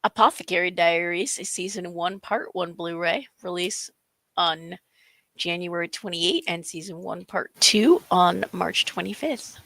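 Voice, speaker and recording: A woman co-hosting a casual live stream chat, halting, with a worn-out voice that is going. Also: fairly low pitch, creaky, a bit bright, no echo, low-quality recording. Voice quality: strained, worn-out voice. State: losing her voice. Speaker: co-host of a live stream show.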